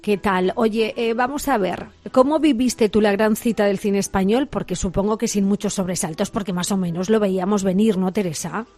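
A woman hosting a weekend radio show, lively with small hesitations. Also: mid-range voice, moderate pace, few pauses. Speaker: radio host.

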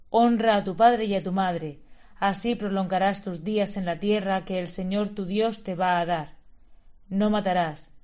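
A woman reading scripture and a spiritual text at a prayer service, steady and measured. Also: medium pitch. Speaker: lector.

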